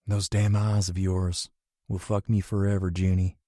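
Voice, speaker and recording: Brief: man reading a swaggering rock star, very low voice, dry close sound. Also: flat delivery, normal speed, dark tone, dry recording, lightly acted. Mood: flirtatious.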